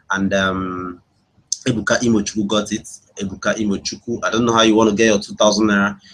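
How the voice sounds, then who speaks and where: A man from Imo State, Nigeria, speaking with a Nigerian accent, hosts a casual live webinar as an internet marketing coach. He chats with his online audience in a lowish voice and often repeats his phrases, and the recording is rough.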